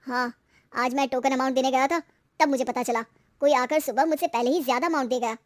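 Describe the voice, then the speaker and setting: A woman's voice: sits high, fairly even intonation, quick pace, no room sound, studio quality, natural voice. A woman voicing a short-tempered young husband in a cartoon story. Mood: glum. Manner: irritable, defensive.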